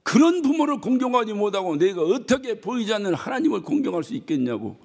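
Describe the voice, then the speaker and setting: A male pastor preaching a sermon, telling stories about his congregation with lively acted-out quotes and bursts of shouting. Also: high voice, fast talker, creaky. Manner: animated storytelling, mimics congregants and shouts. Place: church hall. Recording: reverberant church hall.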